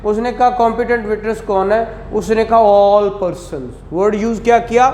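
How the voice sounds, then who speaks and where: In an indoor classroom, a man with a Pakistani accent delivers a didactic law lecture, posing rhetorical questions and repeating key phrases. His voice is high-pitched and a little mellow, at a moderate pace, and the room sounds echoey with faint noise.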